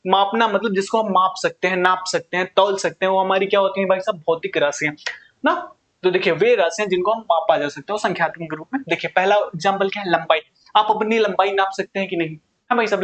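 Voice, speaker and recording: High-voiced male teacher, questioning himself. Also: a bit bright. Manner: asks questions and answers them himself, often says "bhai sahab". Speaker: physics teacher. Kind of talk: casual classroom lesson.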